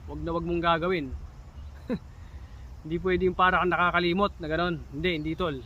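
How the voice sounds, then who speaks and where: A man's voice: fairly high pitch, little pitch movement, a little fast, dull audio, background noise. A man in his thirties from the Philippines giving casual advice in a vlog, chatty, with emphatic warnings and a habit of calling his viewers "tol". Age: 30s. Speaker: vlogger giving job interview tips.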